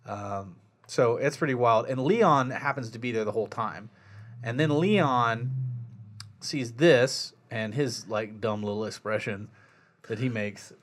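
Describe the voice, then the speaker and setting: Male podcaster, loose rambling plot recap, even middle pitch. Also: unhurried. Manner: rambling recap with filler words. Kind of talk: casual movie discussion.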